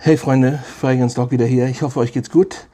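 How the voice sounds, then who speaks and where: A man's voice: mid-range voice, steady tone, moderate pace, dark tone. A middle-aged man reviewing fragrances in a casual, enthusiastic way, often repeating his praise. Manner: enthusiastic, repeats words like 'sehr, sehr nice'.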